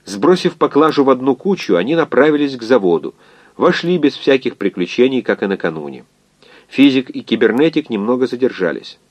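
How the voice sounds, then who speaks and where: A man narrating a science fiction novel in an expressive, measured reading. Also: mid-range voice, dry recording, dull audio. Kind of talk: scripted audiobook narration.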